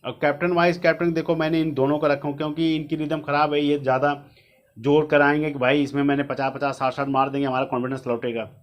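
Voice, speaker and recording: A man's voice: fairly high pitch, level tone, fast talker. A man giving casual, repetitive fantasy cricket advice straight to his viewers. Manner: chatty, repetitive, advising directly. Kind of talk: casual explainer monologue.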